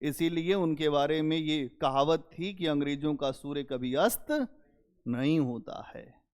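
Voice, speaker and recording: A man teaching a history lecture to exam students, emphatic and deliberate, often asking the class rhetorical questions. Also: on the high side, darkish tone, clean tone.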